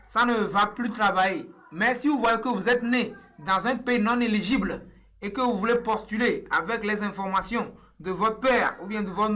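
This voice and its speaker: This online tutorial features a young man from Togo whose voice is high and sharp-toned. Working from his webcam in a small room, he walks through a web form step by step, patiently repeating himself with many hesitations.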